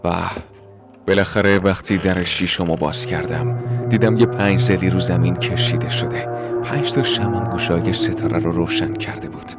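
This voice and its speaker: Male horror narrator, very deep voice, steady suspenseful telling. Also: loud music behind the voice. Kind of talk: first-person horror story narration.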